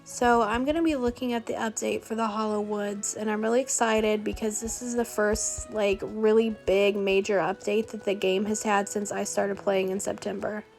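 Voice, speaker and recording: A woman with a sore, cold-stricken hoarse voice gives casual, opinionated commentary over a video game. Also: mid-range voice, level tone, normal speed, few pauses, darkish tone. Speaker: gaming video creator. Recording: music behind the voice.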